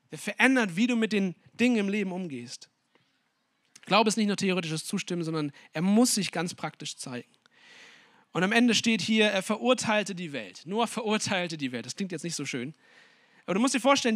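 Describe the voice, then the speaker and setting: A man preaching a sermon, speaking emphatically with strong swings in loudness and putting questions straight to his listeners. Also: sits high, no echo, clean studio sound. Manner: addresses listeners directly with questions.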